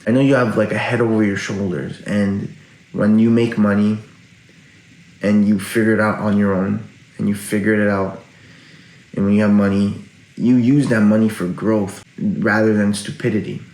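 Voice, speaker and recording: A man's voice: on the low side, steady tone, normal speed, a little mellow. A pensive man musing aloud in a casual, reflective late-night monologue to viewers. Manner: casual, frequent swearing. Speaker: online video creator. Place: indoor room at night. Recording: roomy indoor echo.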